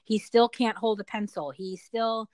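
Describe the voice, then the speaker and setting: A woman's voice: on the high side, fairly even intonation, measured pace, a little mellow, no room sound. Middle-aged woman as a parent being interviewed; talkative, explanatory, conversational storytelling, recorded very dry. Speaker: parent interviewed about their child.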